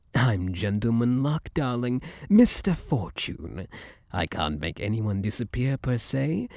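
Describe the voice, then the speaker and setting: A man's voice: mid-range voice, creaky, dark tone, no echo, heavily acted. A man playing a suave, possessive luck spirit in an ASMR roleplay, flirtatious and theatrical, teasing and coaxing with pet names, close on the mic. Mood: smug, possessive.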